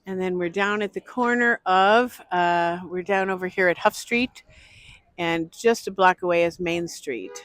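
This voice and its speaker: A woman's voice: on the low side, a little slow, fairly bright tone, no echo. A woman walking through an outdoor art festival, narrating her vlog chattily and greeting people she passes. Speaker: vlogger.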